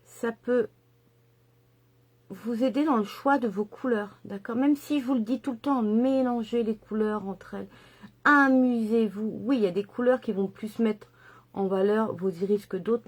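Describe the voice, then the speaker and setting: A middle-aged woman with a somewhat high voice talks casually as she does a makeup tutorial. She is chatty and enthusiastic, with frequent fillers and asides. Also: normal speed. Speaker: makeup vlogger.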